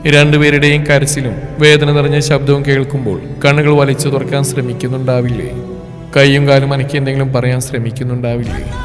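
A man reads a scripted story aloud in a soft, unhurried, tender manner. His voice sits at an ordinary middle pitch. The recording carries a long reverb tail with faint music in the background.

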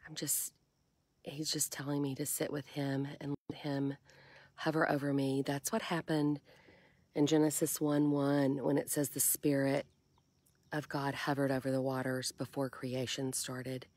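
Soft-spoken older woman, very low. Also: monotone, unhurried, dry recording. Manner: soft, breathy, half-whispered, musing. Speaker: faith vlogger. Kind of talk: casual devotional vlog and prayer. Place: on a kayak on a lake outdoors. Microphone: phone held at arm's length.

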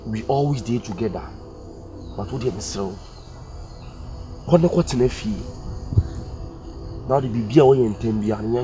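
Man acting broke boyfriend, Ghanaian accent, earnest pleading, mid pitch, music behind. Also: lightly acted. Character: broke young man pleading with his girlfriend. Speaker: poor boyfriend. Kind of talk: comedy skit acting.

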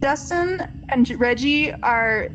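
A woman's voice: high voice, takes it slowly, fairly bright tone, muffled recording. A woman hosting a live virtual reality show, gushing, giggly and encouraging as she introduces the guests. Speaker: event host. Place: virtual reality social space.

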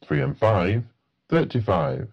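A man calls bingo numbers in a formulaic, matter-of-fact way. His voice is husky and swings noticeably in pitch as he goes at a slow pace. The sound is a little dull and lo-fi. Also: lively intonation. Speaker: bingo caller. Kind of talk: bingo calling, each number announced in a set phrase.

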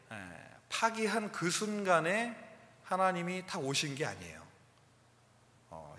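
A middle-aged man preaches with a lively, bright voice that rises and falls widely. He acts out the quoted lines as he goes. His voice rings in the long reverb of a church sanctuary. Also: a little high. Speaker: pastor. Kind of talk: sermon.

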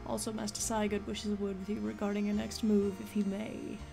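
A woman's voice: mid-range voice, flat delivery, fairly quick, gravelly, warm tone, faint music behind, close to an everyday voice. A woman voicing a deferential elderly male butler from a video game, formal and courteous with a grumpy old-man manner. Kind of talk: video game dialogue read aloud.

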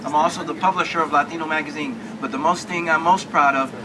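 An earnest man with a high voice rallies a crowd outdoors, repeating himself as he builds up. The phone that catches him sits at a distance, and loud street and traffic noise runs under everything. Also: steady tone, fast. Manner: earnest, repetitive restarts, rousing. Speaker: state commissioner and magazine publisher. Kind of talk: speech at an outdoor rally. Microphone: handheld mic, filmed by a phone from far off.

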